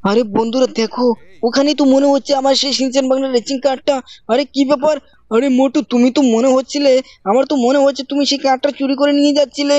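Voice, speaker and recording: A gaming channel host narrating gameplay and scolding characters in a loud, theatrical role-play. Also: high voice, level tone, fast, no room sound. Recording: dry, dull lo-fi mic.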